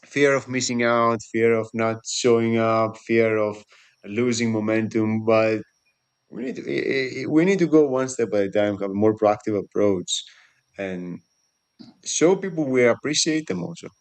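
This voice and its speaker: A man's voice: medium pitch, moderate pace, smooth. A man hosting a casual interview, often summing up the guest's points and adding his own. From Greece. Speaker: podcast host.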